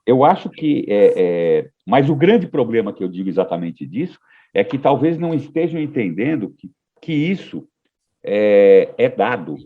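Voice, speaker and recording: A man talking on a podcast in a low, husky voice that swings widely in pitch. He thinks aloud, hesitating and restarting his sentences. The recording sounds dull and lo-fi. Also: sing-song, moderate pace. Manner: reflective, hesitant with repeated restarts. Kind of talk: casual podcast conversation.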